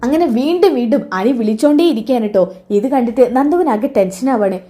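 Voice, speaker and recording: A woman's voice: sits high, lively intonation, fast talker, mellow. A woman narrating a serial recap in a casual, chatty storytelling way. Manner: chatty, tags lines with friendly asides.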